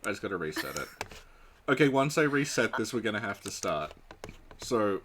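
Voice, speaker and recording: A man's voice: lowish voice, sing-song, moderate pace, a crowd in the background. A man hosting a live game stream, chatting casually in a dry, matter-of-fact way. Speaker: streamer, host.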